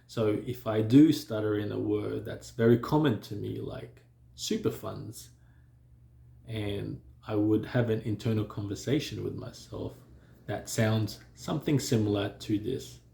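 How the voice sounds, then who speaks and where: A man who stutters speaks slowly and calmly in a gravelly, low voice, sometimes blocking on certain sounds. This vlogger reflects to camera on his experience with stuttering, using pauses and fillers in a room with noticeable echo.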